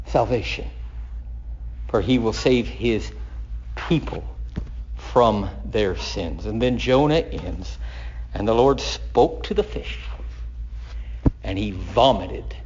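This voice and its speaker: A man teaching through the Bible as a sermon, reading scripture dramatically and drawing out Hebrew words slowly. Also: mid-range voice, slight background noise. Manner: expressive, reads scripture dramatically, draws out words; reads Hebrew aloud slowly. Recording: dull lo-fi podcast recording.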